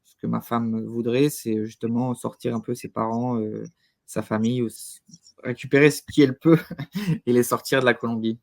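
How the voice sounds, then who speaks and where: A man speaking as an interview guest at a middling pitch. His delivery is conversational and halting, with words repeated while he looks for the right phrase. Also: fairly even intonation, gravelly, darkish tone.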